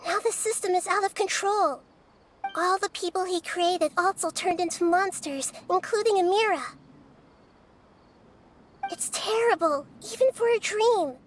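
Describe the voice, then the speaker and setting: A woman voicing a small, gentle and wise girl goddess in a video game, speaking softly and thoughtfully. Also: extremely high pitch, slight background noise. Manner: soft, thoughtful, measured.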